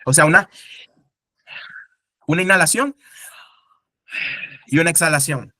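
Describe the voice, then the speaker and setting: Higher-pitched man teaching a class. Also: measured pace, bright, forceful tone, no room sound, studio quality. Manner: explanatory, asks the class rhetorical questions. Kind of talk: casual classroom lecture.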